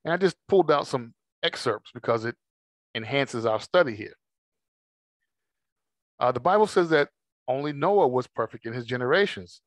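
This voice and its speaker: Measured man teaching scripture, dry sound. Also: mid-range voice, dry recording. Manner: measured, reads verses slowly then explains. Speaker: Bible study teacher. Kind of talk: scripture study talk, reading aloud.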